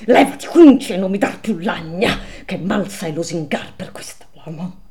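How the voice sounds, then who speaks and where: A woman's voice: lively intonation, normal speed, warm tone. A woman voicing a sobbing, furious damned traitor. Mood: wailing, snarling. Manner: cries out shrill and sobbing, then snarls. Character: weeping furious damned traitor man, frozen in ice.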